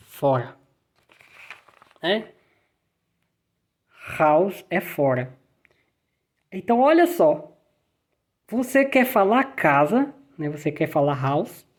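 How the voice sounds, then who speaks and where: A woman's voice: lowish voice, darkish tone. A woman with a Brazilian Portuguese accent teaching a German language lesson, patiently repeating letters and words for practice.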